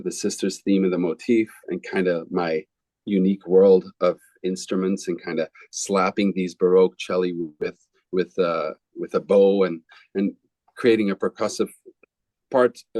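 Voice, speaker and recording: A man in his forties from Belgium, a film composer answering interview questions in a relaxed, rambling way with frequent restarts. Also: lowish voice, no echo, poor audio.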